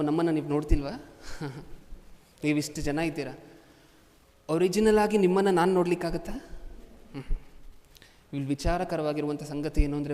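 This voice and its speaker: Preaching a sermon in a large hall, a man keeps directing rhetorical questions at his congregation. His voice is on the high side and mellow, heard with long hall reverb.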